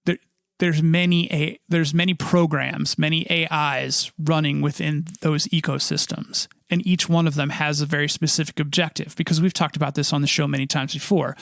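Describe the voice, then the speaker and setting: A man's voice: on the high side, vocal fry, no room sound, clean studio sound. A man co-hosting a podcast, explaining things in casual conversation. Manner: explanatory, measured. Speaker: podcast co-host.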